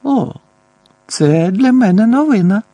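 A defiant teenage boy read by a male audiobook narrator, cool and clipped in his replies. The voice is a little husky and close, with no room around it. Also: fairly high pitch, very animated, a little slow, dark tone, no echo, exaggerated voice. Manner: cool and curt.

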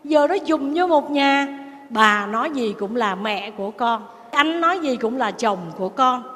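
A Buddhist nun gives a sermon in a high, clear woman's voice. She tells stories and acts out each person's words as she goes. Her voice rings with the long reverb of a big hall. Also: expressive, measured pace, fairly bright tone. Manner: storytelling, acting out family quarrels. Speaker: Buddhist nun giving a dharma talk.

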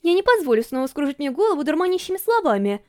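Brief: a woman reading as a hot-tempered young princess, raised and lively, quick to scold. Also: high-pitched, voice pushed up. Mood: commanding. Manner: indignant, scolding. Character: fiery young princess, sharp-tongued and stubborn.

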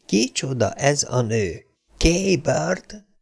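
A male reader gives voice to a battered woman muttering to herself, quiet and bitter. The delivery stays low and hushed, the inner voice of an audiobook character. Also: fairly even intonation, vocal fry, faint music behind, close to an everyday voice. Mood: bitter, shaken. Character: bruised, frightened middle-aged woman talking to herself.

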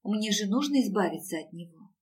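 A woman's voice: mid-range voice, expressive, brisk, breathy edge, recorded from a distance. A woman reading an audiobook and voicing a frightened, weary young woman.

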